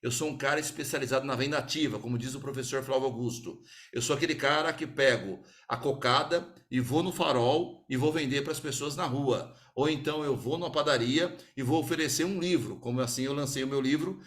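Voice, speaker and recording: A man with a Brazilian Portuguese accent giving an energetic sales talk to a small group, acting out little customer dialogues as he explains. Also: medium pitch, brisk, few pauses. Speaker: sales speaker.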